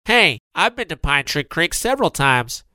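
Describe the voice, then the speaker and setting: Man doing a croaky, chatty bullfrog. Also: a little high, sing-song, normal speed, pushed and bright, dry recording, clean studio sound, pitched above the performer's own voice, exaggerated voice.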